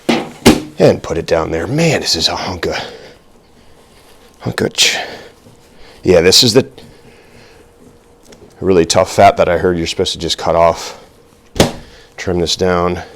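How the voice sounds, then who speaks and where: A middle-aged man with a very deep, low voice talks his way through a cooking vlog. He rambles nervously, makes fun of himself and fills gaps with ums and uhs. Now and then he sounds a little out of breath from the work. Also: takes it slowly, pauses often, background noise. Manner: nervous, self-deprecating, rambling with fillers. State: out of breath at times. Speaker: cooking video host. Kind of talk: casual cooking vlog, talking while working.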